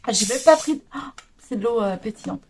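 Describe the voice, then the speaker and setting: A woman's voice: fairly high pitch, animated, a little fast, vocal fry, darkish tone, a little hiss or hum. Chatty French woman rambling about knitting. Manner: chatty, rambling, laughs often. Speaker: knitting vlogger. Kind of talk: casual chat.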